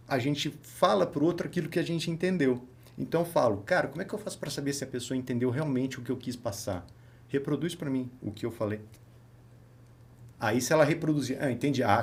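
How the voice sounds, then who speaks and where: A Brazilian man hosts a relaxed podcast conversation, talking fast with a lively, swinging pitch. He acts out his exchanges with patients as he tells them. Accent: Brazilian Portuguese. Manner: animated storyteller, acts out dialogue with patients. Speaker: podcast host and therapist. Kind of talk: casual podcast chat.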